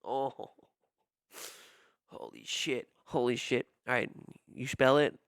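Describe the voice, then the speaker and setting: Gravelly-voiced profane streamer. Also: male voice, mid-range voice, slow, no echo, studio quality. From Italian American. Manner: profane, self-mocking, acts out quotes in voices. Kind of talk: casual ranting monologue.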